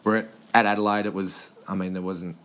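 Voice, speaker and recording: A man in his thirties with an Australian accent, a former footballer telling stories as a podcast guest, halting with many ums and restarts and laughing often. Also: deep voice, little pitch movement, fairly bright tone, smooth. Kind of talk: casual storytelling interview.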